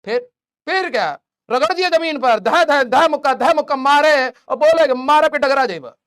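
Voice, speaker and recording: A man voicing a boastful young man who brags loudly to his friends. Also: extremely high pitch, moderate pace, pitched above the performer's own voice. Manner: brash, bragging, animated.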